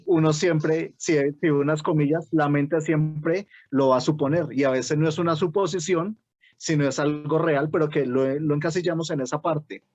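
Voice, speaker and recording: A man's voice: a little high, fairly even intonation, normal speed, darkish tone, no echo. A man with a Bogotá Colombian accent teaching a writing workshop, explaining step by step and often checking in with "¿sí?". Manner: explains with many "¿sí?" checks and self-restarts. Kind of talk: online workshop lecture.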